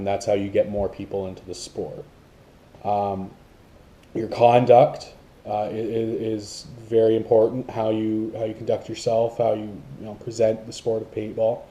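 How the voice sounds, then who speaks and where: A man's voice: fairly low pitch, dark tone, lo-fi sound. A man vlogging about paintball to camera, in a rambling casual talk with many fillers and restarts.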